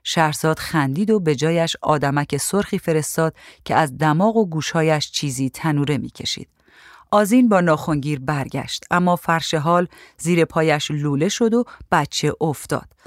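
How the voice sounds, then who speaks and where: Calm woman reading a story. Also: sits low, no room sound, studio quality. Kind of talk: storybook narration.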